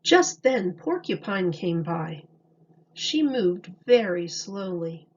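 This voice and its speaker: A woman reading a children's story aloud like a teacher, in a deliberate, expressive way. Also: lowish voice, dull audio.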